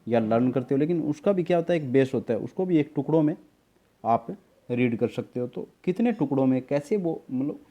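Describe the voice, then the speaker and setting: A man's voice: medium pitch, expressive, fairly quick, warm tone, dull audio. A man teaching a spelling lesson, patiently explaining words, repeating them, spelling them out letter by letter and calling his students beta. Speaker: tutor.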